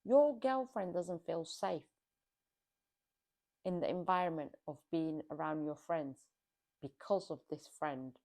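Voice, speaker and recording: A woman's voice: deep voice, slow, creaky, pauses often, a little mellow. A woman giving casual, exasperated commentary on a reality TV show, scolding the people on it.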